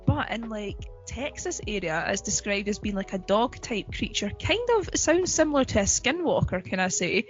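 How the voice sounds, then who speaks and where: A woman's voice: mid-range voice, lively intonation, moderate pace, hardly any pauses, highs cut off, faint music behind. A woman co-hosting a podcast in casual chat, talking in a chatty, giggly way with lots of fillers. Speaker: podcast co-host.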